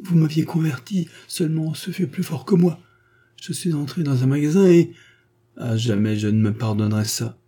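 A man's voice: a little high, normal speed, dark tone, pitched above the performer's own voice, lightly acted. A man voicing a carefree young woman who pleads and whines tearfully in a story reading. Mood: pleading.

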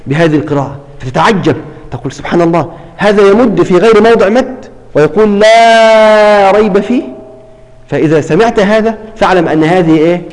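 In a classroom tajweed lesson, a man with a fairly high, slightly mellow voice teaches recitation with animated delivery. He quizzes students with questions, repeats key terms, and draws words out slowly to show how they are read, all under a long hall reverb.

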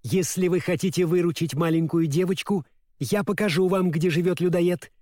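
A man's voice: high-pitched, fairly even intonation, moderate pace, a little mellow, dry recording, studio quality, lightly acted. A man voicing a mocking female squirrel in a storybook, scolding and chattering.

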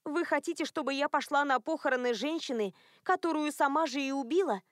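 A woman's voice: high-pitched, brisk, no echo, studio quality, pitched above the performer's own voice, natural voice. A woman voicing a bewildered young werewolf woman. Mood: indignant. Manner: indignant, questioning.

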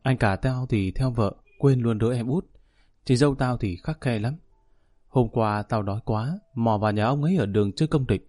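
A man voicing a sad young runaway son who quietly tells of his hardships in an audiobook story. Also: mid-range voice, normal speed, no room sound, soft background music, natural voice.

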